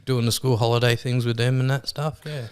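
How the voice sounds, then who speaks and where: A man's voice: mid-range voice, fairly even intonation, brisk, clean tone. An Australian man in his forties chatting casually as an interview guest, joking and self-deprecating, his words a little slurred without his teeth in. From western Victoria, Australia. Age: 40s. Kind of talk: casual chat.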